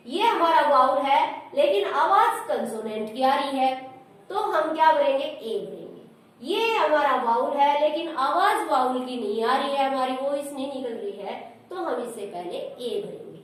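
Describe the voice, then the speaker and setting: A woman's voice: sits high, heavy reverb, recorded from a distance, rough recording. A woman teaching a grammar lesson step by step and asking her students questions as she goes. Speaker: school teacher.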